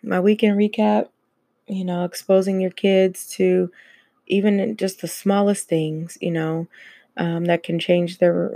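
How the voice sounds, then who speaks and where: Woman, podcast host, casual chat, gravelly, dark tone, dry close sound. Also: lowish voice, no room sound. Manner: chatty, laughs often, many fillers.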